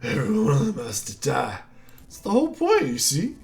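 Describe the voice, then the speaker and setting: A man's voice: high voice, huge pitch swings, fairly quick, vocal fry, voice pushed up, exaggerated voice. A man voicing a gloating male monster hunter villain in a game, with a theatrical, sneering drawl.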